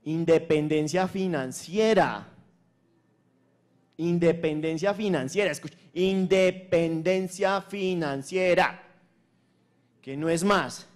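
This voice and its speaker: A Colombian man giving a motivational conference talk from a stage, emphatic and repetitive, with crude slang. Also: fairly high pitch. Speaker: conference speaker. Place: stage at a launch event.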